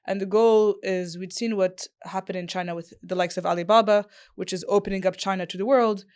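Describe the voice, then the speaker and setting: A woman's voice: mid-range voice, steady tone, brisk, a little mellow, clear, resonant tone. A woman from Morocco, a business founder and interview guest, who answers fluently and thoughtfully with frequent fillers.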